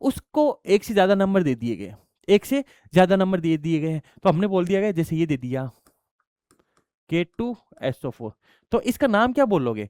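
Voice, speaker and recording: Man, chemistry teacher, high voice, smooth, dry close sound, asks and answers his own questions. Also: big pitch swings, normal speed, a little mellow, no room sound. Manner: explains step by step, asks students questions and answers them himself; addresses students affectionately as child. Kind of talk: classroom lecture.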